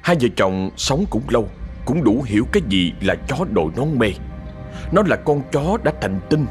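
A man reading a horror story in a dramatic, expressive narrating voice. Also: medium pitch, moderate pace, faint music behind.

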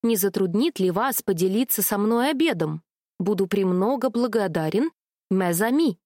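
A woman's voice: mid-range voice, animated, moderate pace, a little mellow, dry recording, studio quality, close to an everyday voice. A woman voicing a polite, old-fashioned male pigeon who talks formally and drops in French words. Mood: courteous.

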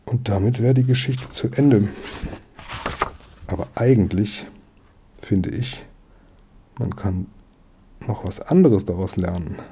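A man reading a children's book aloud, relaxed and homely, adding a casual aside at the end. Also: lowish voice, takes it slowly, pauses often, slight background noise. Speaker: reader.

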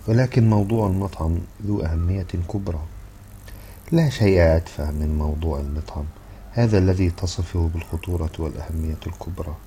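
A man's voice: low voice, brisk, mellow, a little hiss or hum. A man reading the part of a fussy, exasperated husband who scolds and brushes things off. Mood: scolding. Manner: scolding, dismissive.

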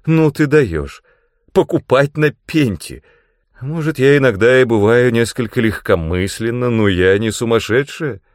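A man's voice: medium pitch, smooth, no echo, clean studio sound, voice pushed up, natural voice. A man voicing a confident, teasing young female ex-assassin in an audiobook. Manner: teasing, brisk and reasoning. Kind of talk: audiobook character reading.

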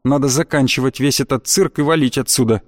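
A man voicing a gruff, cynical male shaman who mutters bluntly in an audiobook. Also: mid-range voice, brisk, dry recording, studio quality, big-room sound, close to an everyday voice. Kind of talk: audiobook character voice.

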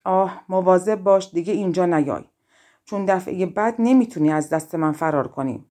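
A woman reading an audiobook and voicing a wicked old female witch who shouts threats in a shrill, scolding way. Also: lightly acted. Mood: furious.

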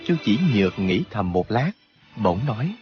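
A man narrates a martial arts novel in an expressive, steady way. His voice is low and his intonation lively. The recording is dull and lo-fi, with faint music underneath. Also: normal speed. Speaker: audiobook narrator.

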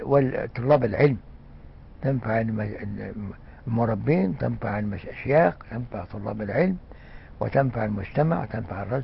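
An older man with an Egyptian accent giving a conversational religious lesson, often pausing with fillers and restarting words. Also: fairly low pitch, gravelly, a little hiss or hum. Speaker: religious scholar. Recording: muffled lo-fi recording.

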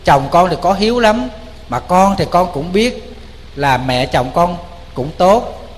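A man with a Southern Vietnamese accent, a Buddhist monk preaching a storytelling sermon in a somewhat high voice. He is animated and colloquial and speaks straight to his listeners. His voice carries a long hall reverb over a faint background hiss. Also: slow. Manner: animated, addresses the audience directly, colloquial.

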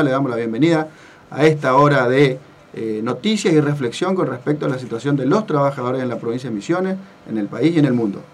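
A man with an Argentine accent hosting a casual radio talk show, friendly and earnest, his throat slightly sore. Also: mid-range voice. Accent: Argentine Spanish. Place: radio studio. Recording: distant mic with faint noise.

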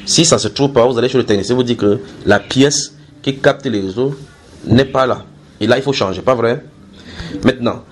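A man with a mid-range voice preaches and teaches from the Bible to a gathered group, with slight background noise. He explains using everyday analogies, repeats key phrases and asks questions to draw responses from listeners.

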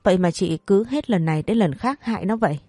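A woman's voice: mid-range voice, lively intonation, warm tone, dry recording, studio quality, close to an everyday voice. A woman doing a harsh scolding old matriarch. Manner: scolding, fast and cutting. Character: harsh domineering older mother-in-law.

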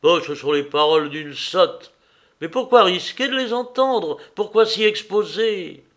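A man's voice: high-pitched, animated, unhurried, fairly bright tone, pitched above the performer's own voice. A man voicing a passionate, reproachful young noblewoman in an audiobook, his voice raised and pleading. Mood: despairing. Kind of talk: audiobook character reading.

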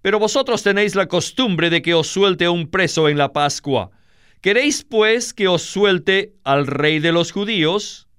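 A stern roman governor, read out by a man who questions in a slow, smooth, slightly high voice. his measured tone is pressed hard but stays controlled. dry, close sound with nothing around it. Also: animated, fairly bright tone, no echo. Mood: questioning.

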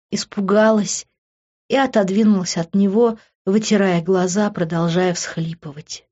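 A woman's voice: mid-range voice, darkish tone, lo-fi sound. Woman reading a novel aloud. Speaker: audiobook reader. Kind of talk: first-person novel narration.

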